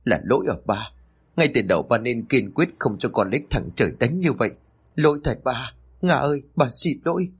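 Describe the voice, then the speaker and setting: A man's voice: fairly low pitch, fairly bright tone, husky. A man playing a furious older father. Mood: remorseful. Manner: harsh, rapid scolding.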